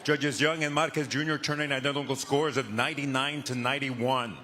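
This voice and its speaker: A man's voice: medium pitch, steady tone, a little fast, sharp tone. A man making formal bilingual ring announcements at a live boxing event, in a grand, ceremonious lucha libre announcer manner that draws out names.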